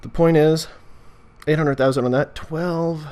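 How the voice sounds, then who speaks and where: An American man hosting a video chats casually, jokily and aimlessly, frequently breaking off mid-thought. His voice is a little high and darkish, with fairly even intonation and an unhurried pace.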